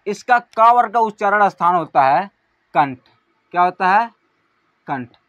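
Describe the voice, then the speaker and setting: A man teaching an exam-prep grammar lesson, asking questions and answering them himself, calling out syllables one by one and trailing off softly. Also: sits high, expressive, measured pace, dry recording, highs cut off.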